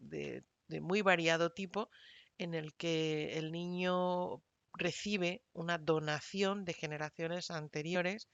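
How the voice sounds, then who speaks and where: A woman lecturer speaks slowly and deliberately, with a smooth, clear voice and frequent thoughtful pauses. The recording is dry and a little dull, with no room echo. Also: fairly low pitch. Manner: measured, deliberate delivery with pauses and fillers. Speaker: university lecturer.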